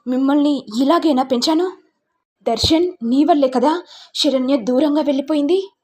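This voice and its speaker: A woman's voice: sits high, normal speed, a little mellow, pitched above the performer's own voice, close to an everyday voice. A woman voicing a stern middle-aged mother-in-law who scolds her son and pleads with a police officer. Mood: scolding.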